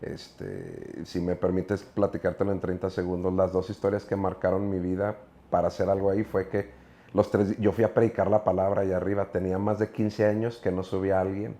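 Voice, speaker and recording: A man's voice: sits low, level tone, a little fast, dark tone. A middle-aged man with a Mexican accent, a preacher telling stories in an interview, earnest and rambling with many filler words. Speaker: guest preacher. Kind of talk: casual interview storytelling.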